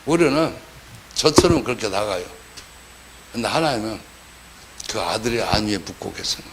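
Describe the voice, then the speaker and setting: A man's voice: on the low side, animated, moderate pace, a little hiss or hum. A man preaching a sermon as pastor, talking in a colloquial way and acting out the voices of the people he quotes.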